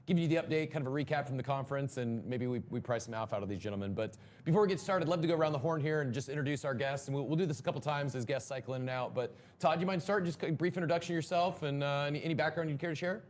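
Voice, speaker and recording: A man hosting a live conference interview show, talking at a brisk clip. His questions tumble out with restarts and energetic asides. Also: on the high side. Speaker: podcast host.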